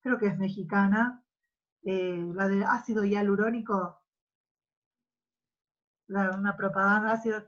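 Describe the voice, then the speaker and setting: A woman's voice: mid-range voice, steady tone, a little slow, pauses often. A woman teacher with an Argentine Spanish accent, giving an online class and exaggerating syllables to demonstrate them. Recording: muffled lo-fi audio.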